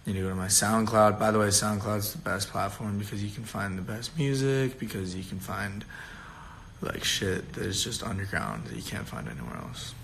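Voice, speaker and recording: A young man hosting a casual livestream, tired and rough-voiced, rambling loosely and swearing casually. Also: lowish voice, expressive, normal speed, a bit bright, slight background noise. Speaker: livestream host. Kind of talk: casual live-stream chat.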